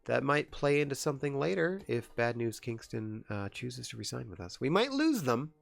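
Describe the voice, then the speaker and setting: Young male streamer, gravelly, bouncy pitch, chatty self-talk, faint music behind. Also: very animated, moderate pace, no echo. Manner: chatty, giggly, talks to himself while deciding. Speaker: game streamer. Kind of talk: casual gameplay commentary.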